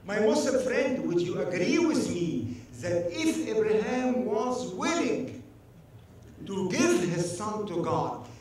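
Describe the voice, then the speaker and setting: A high-voiced man preaches with big swings of pitch, slow and emphatic, pushing each phrase out to his listeners. He is heard from some distance in a very echoey church hall, with faint room noise behind him. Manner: animated, emphatic, calls on congregation to respond. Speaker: guest preacher. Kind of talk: sermon. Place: church sanctuary.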